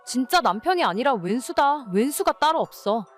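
In a scripted, dramatized story with soft music underneath, a woman voices an exasperated wife nagging and scolding her irresponsible husband. Her high-pitched voice swings widely in pitch at a moderate pace as she moves between narration and dialogue.

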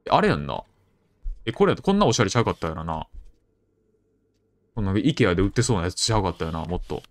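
A young man with a Kansai accent commenting on a horror game as he plays, chatty and jokey, with sudden loud outbursts. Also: deep voice, big pitch swings, quick pace. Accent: Kansai Japanese. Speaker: game streamer.

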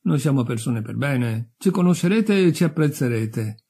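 A man voicing a pompous elderly general who speaks in a slow, condescending way. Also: expressive, warm tone, slightly rough. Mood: patronizing. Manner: measured, condescending, low. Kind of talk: audiobook character voice.

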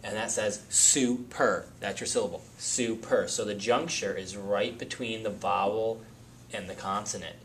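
A lower-pitched man teaches a phonics lesson at an unhurried pace. He explains each step patiently and repeats the example words slowly. A faint hiss of background noise sits under his voice. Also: fairly even intonation, a bit bright.

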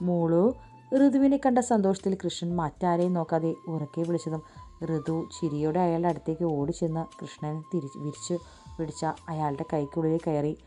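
Warm low woman narrating a story. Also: a little fast, faint music behind. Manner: steady, storytelling. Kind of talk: audiobook story reading.

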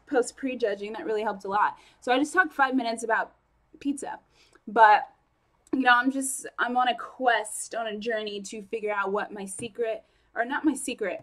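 A young woman vlogging casually about her training, talking fast and chatty with lots of fillers and self-corrections. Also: a little high, a bit bright. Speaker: fitness vlogger. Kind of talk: casual vlog chat.

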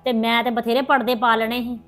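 A woman's voice: a little high, level tone, brisk, a bit bright, faint music behind, lightly acted. A woman playing an anxious pleading middle-aged mother. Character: worried woman visiting her sister-in-law to plead. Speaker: character in a family drama vlog. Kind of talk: hobby village family drama.

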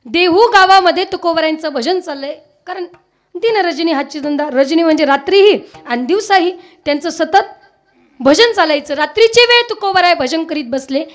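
A woman's voice: extremely high pitch, lively intonation, normal speed. A woman kirtan preacher with a Marathi accent. She tells a devotional story, asks her listeners questions and breaks into sung verses. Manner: asks the audience questions, shifts between speech and sung verses.

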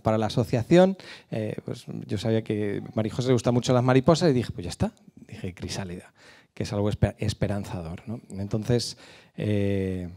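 Un hombre de unos cuarenta años con acento madrileño, hablando a una congregación en una iglesia con micrófono de mano, con muchas pausas y muletillas. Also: male voice, mid-range voice, mellow. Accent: Madrid Spanish. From Spain. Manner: hesitant, many fillers and restarts. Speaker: guest speaker at a church. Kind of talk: church talk to a congregation. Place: church hall with a small stage. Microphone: handheld microphone.

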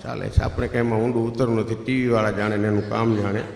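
A man's voice: fairly low pitch, little pitch movement, fast, vocal fry, crowd noise. A middle-aged man, telling folksy jokes to a live audience and acting out the voices of his characters. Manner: folksy storyteller acting out voices, laughing often. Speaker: stand-up comedian. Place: stage in a hall. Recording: echoey hall from a stage mic.

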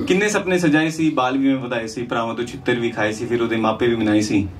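Fairly quick and medium-pitched, with fairly even intonation, a stand-up comedian moves between rhyming verse and conversational asides in a lyrical comedy set. He's on stage at a small indoor venue with a handheld mic, and the live sound is distant and noisy.

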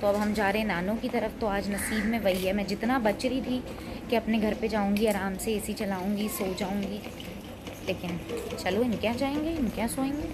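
Young woman, casual vlogger, chatty and mid-pitched, faint background hiss. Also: normal speed. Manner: chatty, mixes in English phrases. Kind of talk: casual vlog chat.

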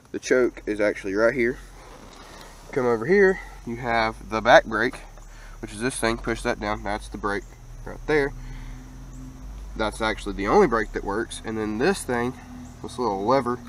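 A man's voice: mid-range voice, slight background noise. Young guy rambling about his gear outside, faint crickets in the back. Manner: laid-back, rambling, casual slang. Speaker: vlogger. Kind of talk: casual walkthrough vlog. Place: outdoors in a rural yard. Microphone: action camera mic.

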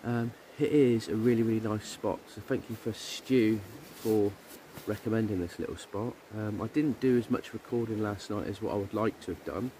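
A relaxed man talks to a handheld camera at a woodland camp, loose and chatty with plenty of ums. His voice sits low, and a faint hum of the outdoors hangs behind him. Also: moderate pace, few pauses. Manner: chatty and easygoing, with frequent ums. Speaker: outdoor camping vlogger. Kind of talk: casual chat to camera.

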